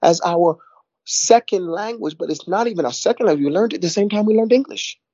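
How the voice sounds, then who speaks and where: A middle-aged New Yorker chats casually and ramblingly, repeating words and saying "you know" a lot. His voice is high-pitched, brisk and warm with lively intonation, and the audio is dull with no room sound.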